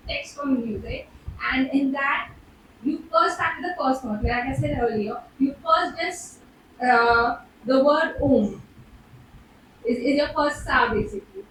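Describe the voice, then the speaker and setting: A woman with an Indian accent talking informally on stage at an open mic, nervous and hesitant, with halting false starts. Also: high voice. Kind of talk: informal rambling talk on stage. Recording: very echoey room, distant mic, background noise.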